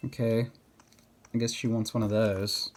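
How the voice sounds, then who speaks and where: A man's voice: lowish voice, flat delivery, unhurried. A man giving casual, rambling game commentary, thinking aloud and often questioning himself in a hesitant way. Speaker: gamer narrating own gameplay.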